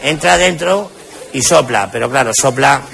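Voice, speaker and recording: A man's voice: mid-range voice, expressive, normal speed, vocal fry. A man with a Spanish accent doing crude, punchy stand-up comedy, recorded live with audience noise. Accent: Spain.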